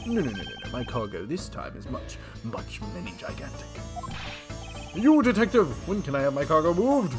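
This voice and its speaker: A man's voice: on the high side, big pitch swings, moderate pace, over music, pitched above the performer's own voice. A man voicing a pompous, possessive male art dealer who speaks in broken, grand phrasing. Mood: haughty.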